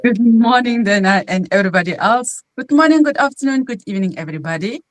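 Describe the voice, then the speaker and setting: A woman in her fifties from South Africa, a grandmother, introducing herself warmly on a live video call panel. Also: on the high side, expressive, fast, no echo. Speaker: guest, registered nurse and mentor.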